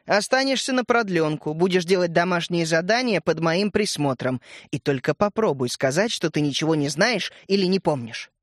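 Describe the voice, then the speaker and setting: A man's voice: on the high side, animated, moderate pace, hardly any pauses, dry recording, studio quality, close to an everyday voice. A man doing a stern, strict schoolteacher lady. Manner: firm, commanding.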